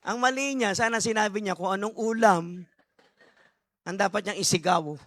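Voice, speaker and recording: A man preaching as a bishop, mixing Tagalog and English as he works through his sermon. His voice is bright and forward, recorded close and dry with no room sound. He leans hard on key words, keeps asking the congregation questions and drops playful asides between points. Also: high-pitched, normal speed, dry recording. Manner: emphatic, asks the crowd rhetorical questions and calls for amens.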